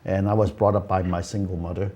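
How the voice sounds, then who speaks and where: A man's voice: low-pitched, little pitch movement, fast, warm tone. A man in his seventies, born in Hong Kong, hosting a talk show and telling a personal story earnestly, with many "you know"s and "uh"s. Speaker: host. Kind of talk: casual chat. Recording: community access TV studio.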